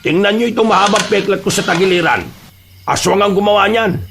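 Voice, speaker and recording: A man voicing a calm old family friend who gravely tells of strange thieves in a horror audio drama. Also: high voice, fairly quick, slight background noise. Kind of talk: Tagalog horror radio-drama acting.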